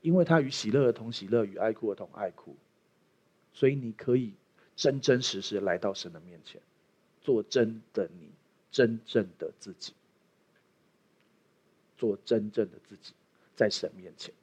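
A man's voice: lowish voice, normal speed, pauses often, a little mellow, slightly rough, dull audio. A man preaching a sermon as pastor, opening with a prayer and joking with the congregation. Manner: playful, jokey preaching with acted asides.

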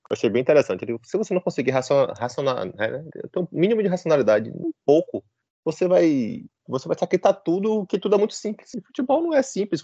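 A man chatting on a fan podcast, reasoning out loud in a relaxed, filler-heavy way. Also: mid-range voice, no echo, dull audio. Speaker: podcast co-host, football fan. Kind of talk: casual chat.

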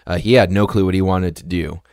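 A young man in his twenties hosts a relaxed podcast interview. His voice sits a little low, and he chats loosely, with lots of fillers. The sound is close and dry. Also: no room sound. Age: 20s. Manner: chatty, filler-heavy, quick to laugh. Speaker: podcast host. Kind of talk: casual interview chat.

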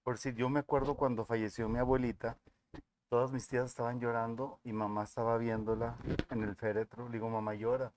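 A man's voice: mid-range voice, flat delivery, brisk, darkish tone, a little hiss or hum. Reflective man co-hosting. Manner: reflective, asks questions. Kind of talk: talk-show chat.

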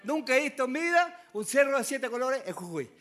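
A Chilean man with a strikingly high voice gives a folksy missionary testimony to his congregation. He talks like a storyteller among friends, calling everyone "brother", and now and then his voice rises into loud, fervent exclamation. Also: sing-song, a little fast. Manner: folksy, keeps calling listeners "hermano". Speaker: missionary preacher.

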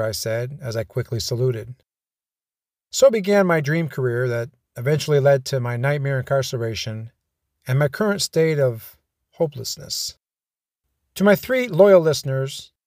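A male podcast host tells his own story of police work in a wry, dryly humorous way. His voice sits in a middle pitch. It is recorded close to the mic with no room sound. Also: moderate pace, a little mellow, no echo. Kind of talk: first-person storytelling podcast.

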